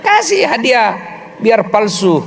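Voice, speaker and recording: A man's voice: very high voice, very animated, takes it slowly, gravelly, heavy background noise. A man preaching a humorous sermon, teasing the crowd and acting out little voices of husbands and wives.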